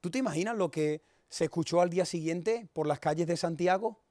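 A man preaching, with a high voice. He is fiery and emphatic, and swings from loud warnings of judgement into quick, humorous storytelling. The sound is close and dry. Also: no room sound. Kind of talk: sermon.

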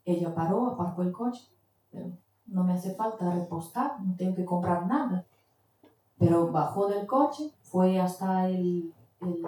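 A woman's voice: on the low side, dark tone, slight background noise. A woman preaching a sermon, telling a testimony and now and then stopping to search for the right word. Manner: searches for words mid-sentence. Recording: very echoey, distant from the mic.

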